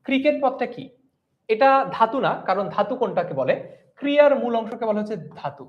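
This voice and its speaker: A man's voice: extremely high pitch, lively intonation, brisk, lo-fi sound. Young male teacher for a live online revision class, voice rising and falling widely, asks questions and answers them himself. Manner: stretches out sounds to demonstrate pronunciation.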